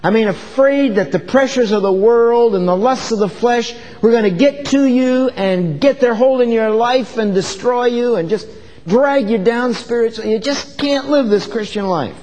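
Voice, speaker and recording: A man's voice: very high-pitched, normal speed, darkish tone, long reverb tail, a little hiss or hum, poor audio. A man preaching an earnest, conversational sermon, full of rhetorical questions. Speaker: pastor.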